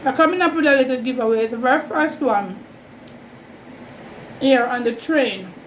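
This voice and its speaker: On a rough recording with a constant fan whirring, a Jamaican-accented woman with a high-pitched voice hosts an eating show. She chats casually and leisurely, rambling in informal phrasing with a Creole lilt.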